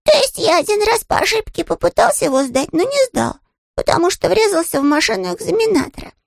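A man's voice: extremely high pitch, very animated, brisk, creaky, dry recording, clean studio sound, voice pushed up, full character voice. A man voicing a naive, polite young male bear in an audiobook, earnest and innocent in manner. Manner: earnest, innocent, matter-of-fact. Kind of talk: audiobook character voice.

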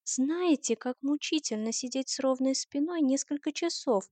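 A whiny, sharp-tongued young woman with a sore back complains in a raised, higher voice, as a woman narrator puts her on. The sound is close and dry, with no room around it. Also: moderate pace, no echo, natural voice. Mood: grumbling.

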